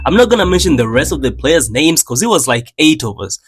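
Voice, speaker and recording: A young man from Tanzania narrates an animated YouTube video in a fairly high, sing-song voice that runs a little fast with a breathy edge. The studio-quality recording has no echo, with background music under his casual, slangy, joking delivery.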